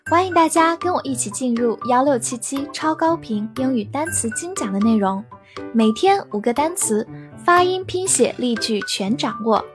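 A woman with a high, bright-sounding voice opens an English vocabulary lesson as its teacher, cheerful and welcoming. Soft children's music plays faintly underneath. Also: animated, moderate pace. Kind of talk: upbeat show intro.

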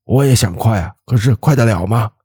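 A man playing a gruff, scornful veteran driver in a ghost story, husky voice. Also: lowish voice, fairly quick, mellow, no echo, voice pushed up. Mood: exasperated. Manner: grumbling, scornful.

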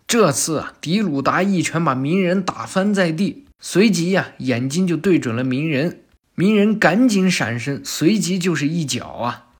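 A man's voice: a little high, slightly rough. A man casually retelling an anime episode, stretching his phrases with chatty storytelling particles.

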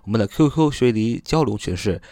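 Man teaching vocabulary, spells words out slowly, animated pitch, dry close sound. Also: no echo. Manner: slow spelling-out and repetition of words, chatty fillers. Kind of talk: spoken vocabulary lesson.

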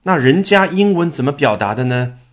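A man's voice: fairly high pitch, lively intonation, normal speed. A man teaching English vocabulary and sentence structure in a recorded lesson, explaining patiently and asking rhetorical questions as he goes.

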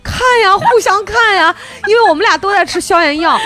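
A woman's voice: very high-pitched, a little fast, faint music behind. A woman, co-hosting a casual chat podcast. She tells stories with lots of laughter and acts out the quotes, while getting over a cold. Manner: animated storyteller, laughs often, acts out quotes. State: recovering from a cold. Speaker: podcast co-host.

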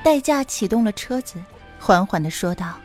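A woman hosting a comic podcast, telling jokes and teasing her audience in a playful, animated way. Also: medium pitch, normal speed. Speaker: podcast host. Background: background music.

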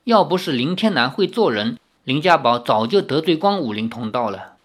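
A narrator reading a martial-arts novel aloud in an animated storytelling manner. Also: medium pitch, moderate pace. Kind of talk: audiobook reading of a wuxia novel.

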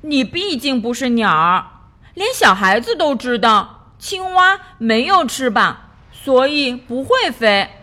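A woman's voice: high voice, big pitch swings, takes it slowly, sharp tone, voice pushed up, full character voice. A woman voicing a skeptical, sensible male frog in a children's storybook, speaking bluntly. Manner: doubtful, blunt.

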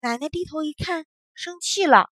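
A woman reading a children's story aloud with expressive, animated delivery. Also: high-pitched, normal speed, no room sound, studio quality.

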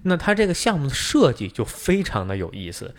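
Fast-talking man explaining at length. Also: medium pitch, huge pitch swings. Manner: rapid, explanatory, many fillers. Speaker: podcast co-host. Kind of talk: casual chat.

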